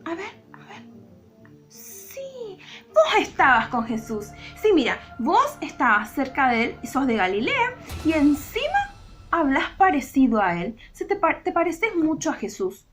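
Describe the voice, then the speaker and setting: Woman putting on a nosy bystander, Rioplatense accent, insistent, high-pitched, faint music. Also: huge pitch swings, a little slow, fairly bright tone, exaggerated voice. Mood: accusing. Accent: Rioplatense Spanish. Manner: insistent, pointing out. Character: nosy accusing bystander, pushy.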